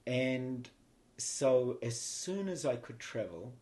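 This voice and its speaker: In a casual interview, a male spiritual teacher from New Zealand reflects on his life at a slow pace. His medium-pitched voice has a dark tone and lively intonation. His storytelling meanders, with sentences often restarted.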